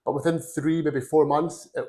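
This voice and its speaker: A man's voice: on the high side, flat delivery, normal speed, mellow. A man in his forties, originally from Glasgow, talks through his career as a podcast guest in a rambling, earnest storytelling way. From Glasgow, Scotland. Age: 40s. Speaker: podcast guest, recruitment firm founder. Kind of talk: casual career interview.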